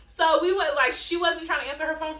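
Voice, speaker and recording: Young woman, high voice, slangy chatty storytelling, roomy echo. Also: fairly even intonation, quick pace, a bit bright. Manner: slangy, chatty, addresses viewers directly. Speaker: vlogger. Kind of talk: casual storytime chat.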